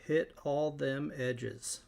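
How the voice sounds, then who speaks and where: A man hosting a live painting stream, talking through each step in a relaxed way as he works. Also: a little high, very slow, creaky. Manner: relaxed, thinking aloud while working. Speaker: host.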